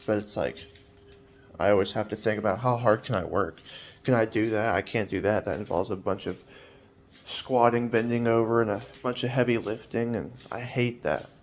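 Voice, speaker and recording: A man's voice: on the low side, normal speed, a little hiss or hum. A man in his twenties talking in a personal vlog, hesitant and rambling with many fillers, sounding weary and anxious. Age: 20s.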